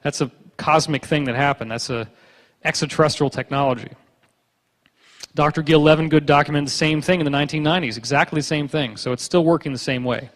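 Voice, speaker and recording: A man on stage telling stories to a hall, with a fairly high voice for a man and a long reverb trailing each phrase. He talks in a joking, animated way and slips in quick voiced asides as he moves through his slides. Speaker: conference speaker. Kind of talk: conference lecture with slides.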